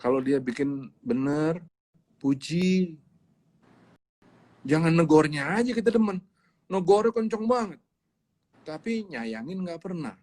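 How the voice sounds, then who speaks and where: A man's voice: fairly high pitch, expressive, unhurried, long pauses, darkish tone. A man preaching in a livestreamed sermon, speaking emphatically and repeating his key words. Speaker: pastor.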